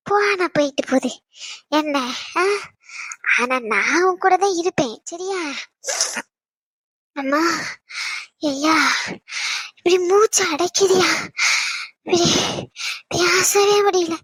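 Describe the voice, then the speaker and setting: A woman voicing a frail, dying elderly mother who speaks softly and runs short of breath. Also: high-pitched, expressive, takes it slowly, long pauses, dry recording, full character voice. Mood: tender, pleading. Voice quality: soft, weak and breathless. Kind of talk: animated drama dub.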